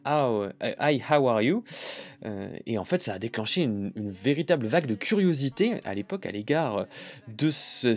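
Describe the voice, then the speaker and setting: A man's voice: mid-range voice, a little mellow. A man hosting a music release podcast, talking casually with many hesitant fillers. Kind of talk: casual music review talk.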